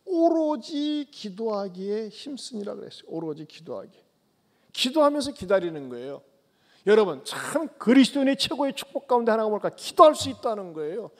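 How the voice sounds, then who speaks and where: A man preaching a sermon as pastor, tossing rhetorical questions at the congregation and swinging between loud calls and soft low asides. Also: sing-song, fairly quick. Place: church sanctuary. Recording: long church hall reverb.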